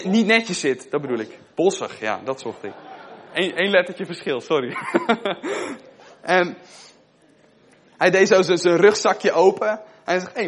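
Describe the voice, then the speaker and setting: A young man giving a sermon in a conversational way, asking his listeners questions and telling a personal story. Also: on the high side. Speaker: preacher.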